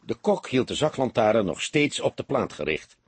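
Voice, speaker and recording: A man with a very husky voice narrates literary prose for an audiobook, reading expressively with lively pitch movement at a moderate pace. The recording is close and dry.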